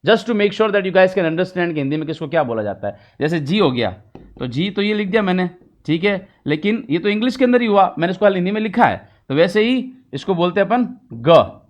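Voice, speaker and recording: A man's voice: high voice, sing-song, brisk. A young man with a Hindi accent teaching an English grammar lesson, mixing Hindi and English and checking in often with his students. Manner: mixes Hindi and English, casual explaining with frequent checks.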